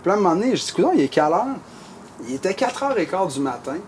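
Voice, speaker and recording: A man with a Québécois French accent tells a long story in casual chat, animated and rambling, full of fillers and restarts. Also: sits high, very fast, a little hiss or hum. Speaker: musician telling a story.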